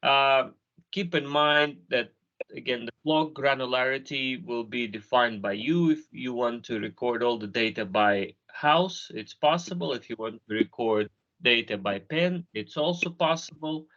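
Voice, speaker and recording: A man giving a step-by-step software demo over a video call, explaining with frequent ums and uhs. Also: mid-range voice, measured pace. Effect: video call audio. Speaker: software trainer. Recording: dull lo-fi call audio.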